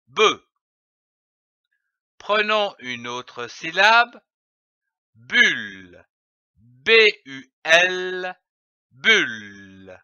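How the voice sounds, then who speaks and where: Sounding out every letter and syllable for young children, a man teaches early reading at a very slow, deliberate pace. His bright, fairly high voice rises and falls lively, with a clean tone. The audio is dry, a little dull, and has no echo.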